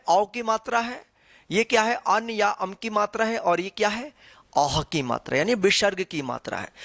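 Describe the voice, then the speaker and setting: A man teaching as an online tutor, explaining step by step and asking rhetorical questions before each answer, with drawn-out syllables. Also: high-pitched, a bit bright, no echo, clean studio sound. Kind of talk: slow, patient classroom instruction.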